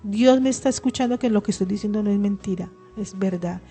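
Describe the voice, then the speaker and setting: A middle-aged woman tells her faith testimony in a radio studio, her voice warm and mellow. She speaks earnestly and with feeling, often restarting her words. Soft music plays faintly behind her. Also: mid-range voice, fairly quick, breathy edge. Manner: emotional, earnest, with frequent restarts. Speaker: radio program co-host. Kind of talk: personal religious testimony on radio.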